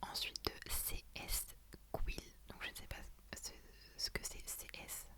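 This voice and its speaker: Woman doing asmr book talk, all soft breathy library whisper, super hushed. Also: unhurried. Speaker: ASMR creator. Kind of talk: whispered ASMR book wishlist, reading out blurbs.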